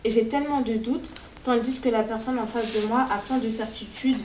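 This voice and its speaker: A woman reads her own novel aloud, phrase by phrase, in a steady, measured voice. She is recorded by a distant mic in a roomy classroom, and the sound is dull with faint background ambience. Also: a little high, a little hiss or hum. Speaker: author reading from her book.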